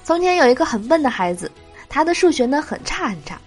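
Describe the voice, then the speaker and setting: Cheerful female joke-show host, lively pitch, nasal from a cold. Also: fast, faint music behind. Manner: cheerful, laughs at her own jokes. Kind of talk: reading jokes aloud.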